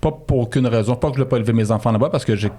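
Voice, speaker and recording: A man's voice: medium pitch, rapid-fire, warm tone. A middle-aged man with a Québécois French accent, a guest chatting casually in an interview, rambling with many restarts and fillers. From Quebec, Canada.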